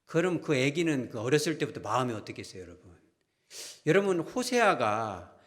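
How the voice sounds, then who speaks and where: A man preaching a sermon as pastor, telling stories in animated fashion, acting out quoted voices and putting questions to the congregation. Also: mid-range voice, a little fast.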